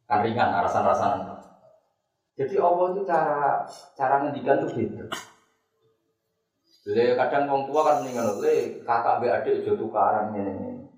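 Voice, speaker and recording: An older Islamic preacher delivers an animated, story-driven sermon, reciting Quranic verses, adding chatty asides, and mixing Javanese with Indonesian. His voice is mid-range. The lo-fi recording is roomy and echoey, with the mic some distance away.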